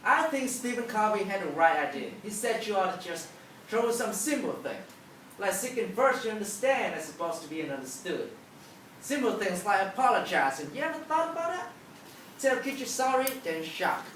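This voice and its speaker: A woman's voice: mid-range voice, very animated, moderate pace, a bit bright. A mature woman speaking as a teacher in a motivational talk, telling stories emphatically and acting out dialogue. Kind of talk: motivational talk to a live audience. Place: large auditorium with an audience. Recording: echoey hall, distant, noisy.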